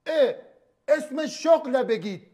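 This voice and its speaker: A man's voice: extremely high pitch, expressive, mellow. A man playing an exasperated quiz host in a comedy sketch, scolding contestants.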